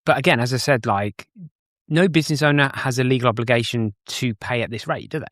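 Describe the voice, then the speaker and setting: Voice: mid-range voice, a little fast, no room sound, clean studio sound. A podcast co-host who runs a business, chatting casually and pressing with tag questions.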